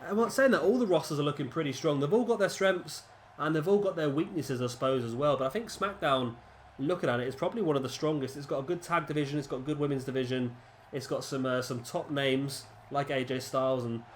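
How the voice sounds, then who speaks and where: Slight background noise accompanies a medium-pitched man who's congested with a cold. He gives casual, rambling, chatty commentary on a video game, as a gaming commentator would, with lots of restarts.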